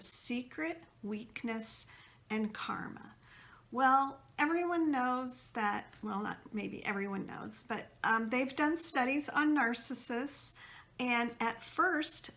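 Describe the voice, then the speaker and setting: Slow, bright-voiced woman host. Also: medium pitch. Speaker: self-help video host. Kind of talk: casual talk to camera.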